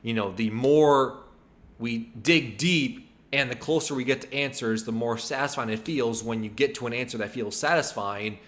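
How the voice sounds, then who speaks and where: Man, live-stream reaction commentary, bright forceful tone, rambling with fillers and hedges. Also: mid-range voice, normal speed. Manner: rambling, hedging, many fillers.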